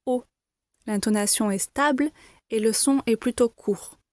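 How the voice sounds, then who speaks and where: A woman teaching the alphabet to beginners, saying each letter slowly and clearly, repeating it and reassuring learners. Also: on the high side, dry recording, studio quality. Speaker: French teacher. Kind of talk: slow, careful pronunciation lesson.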